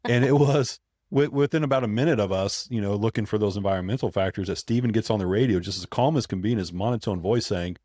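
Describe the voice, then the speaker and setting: Deep-voiced man telling a story. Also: no room sound, clean studio sound. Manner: steady, measured recounting. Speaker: podcast co-host, paranormal investigator. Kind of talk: storytelling podcast chat.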